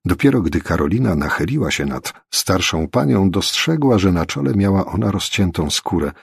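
A man narrating an audiobook in an expressive storytelling manner. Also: low voice, creaky, breathy edge, no echo, studio quality. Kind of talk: scripted narration.

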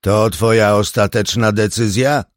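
A cruel armed burglar in a spoken audiobook, mocking and menacing, drawing out his threats slowly in a raised, hard voice, as a male narrator puts him on. The sound is close and dry. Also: on the low side, fairly even intonation, no room sound, lightly acted. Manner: taunting, slow threatening delivery.

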